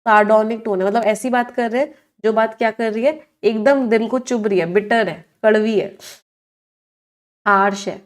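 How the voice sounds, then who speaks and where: A woman's voice: fairly high pitch, fairly even intonation, moderate pace. A woman teaching English vocabulary in an online exam-prep lesson, explaining words in Hindi mixed with English and asking her students questions.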